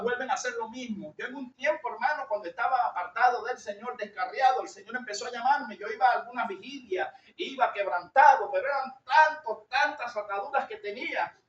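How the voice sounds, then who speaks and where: High-voiced, loud Venezuelan preacher in echoey church. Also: male voice, a little hiss or hum. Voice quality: loud, shouting timbre. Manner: earnest, confessional, addresses listeners as brother. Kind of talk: sermon. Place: church hall. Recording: echoey hall, distant lo-fi mic.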